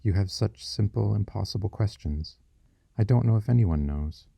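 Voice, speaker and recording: This is a gentle, courteous female android caretaker in an audiobook story, with a man reading her lines. The voice stays very low and deep, with a warm, dark tone and a gravelly edge. She speaks softly and calmly. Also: normal speed, no echo, full character voice. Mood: tender. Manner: soft, calm and courteous. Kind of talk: audiobook character voice.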